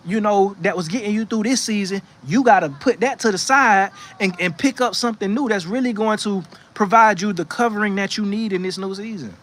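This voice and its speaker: High-pitched and fairly bright, a man speaks fairly quickly with hardly any pauses as he livestreams about faith from a rocking chair on his porch. He gives casual spiritual encouragement and reads the chat in a chatty, preachy style, restarting often and repeating "you know what I'm saying."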